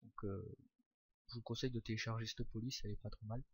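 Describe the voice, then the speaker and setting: Hesitant young man explaining software. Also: lowish voice, quick pace, slightly rough, no room sound. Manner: hesitant, many "euh" fillers, relaxed and informal. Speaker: tutorial maker. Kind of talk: casual screen-recorded software tutorial.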